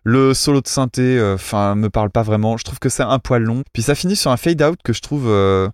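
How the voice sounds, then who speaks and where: A man with an average-pitched voice talks casually about music, full of hesitations and technical asides. He teases himself for being a purist. The sound is dry, with no room around it. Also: a little fast, clean tone, no echo. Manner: chatty, many fillers, technical and self-mocking. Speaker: podcast co-host reviewing cover songs. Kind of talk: casual chat, music critique.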